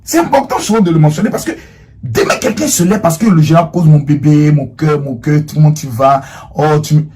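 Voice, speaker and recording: A man giving an impassioned, accusatory monologue, swinging between loud outbursts and hushed lines. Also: fairly high pitch, fairly quick. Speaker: public figure answering a former protégée.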